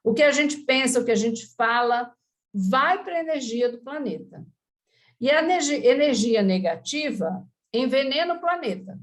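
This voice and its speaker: A woman's voice: high voice, expressive, normal speed. A woman giving an informal spiritist lecture in Brazilian Portuguese, chatty, with frequent asides to her listeners.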